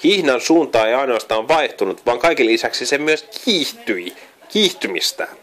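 A man's voice: mid-range voice, sing-song, a bit bright. A man reading a children's storybook aloud, often stumbling and correcting himself. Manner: frequent slips and self-corrections while reading. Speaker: reader.

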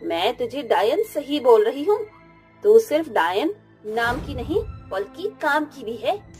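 A woman voicing a cruel middle-aged mother-in-law in an animated story, shrieking and taunting. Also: sits high, measured pace, faint music behind. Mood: shrill scolding.

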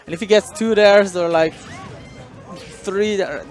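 A man's voice: high-pitched, measured pace. Man doing casual color commentary over music. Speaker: esports co-commentator. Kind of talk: live game commentary.

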